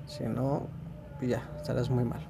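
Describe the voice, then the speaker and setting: A man's voice: medium pitch, flat delivery, unhurried, vocal fry, over music. A man with a Mexican accent, talking casually and rambling in a laid-back, slangy way to his listeners. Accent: Mexican Spanish. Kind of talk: casual monologue.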